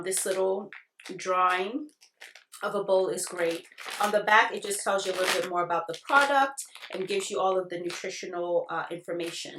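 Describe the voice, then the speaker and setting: A woman's voice: medium pitch, background noise. A woman giving a casual product review, chatting directly to her viewers in an informal way. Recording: echoey, roomy sound.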